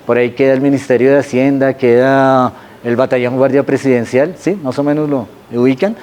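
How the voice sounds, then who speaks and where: A man's voice: mid-range voice, fairly even intonation, fairly quick, darkish tone, a little hiss or hum. A man from Colombia with a Bogotá accent, guiding students through a historic city map in a conversational way and often checking in with his listeners. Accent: Bogotá Spanish. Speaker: guide.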